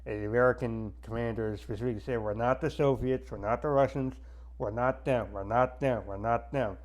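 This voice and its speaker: A man giving a casual movie review with a pen held in his mouth, his speech impeded and halting, stuttering and repeating words. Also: medium pitch, steady tone. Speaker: movie reviewer, army soldier.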